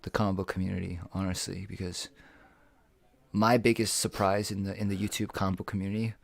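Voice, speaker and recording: A man co-hosting a podcast in casual chat, rambling and swearing freely as he thinks out loud. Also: low-pitched, a little fast, gravelly. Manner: rambling, profane, animated. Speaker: podcast co-host.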